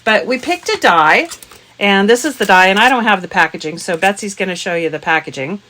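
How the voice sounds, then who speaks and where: A woman's voice: mid-range voice, animated, fairly quick, bright, forceful tone, a little hiss or hum. A woman hosting a crafting show in a casual chat with friends. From US West Coast.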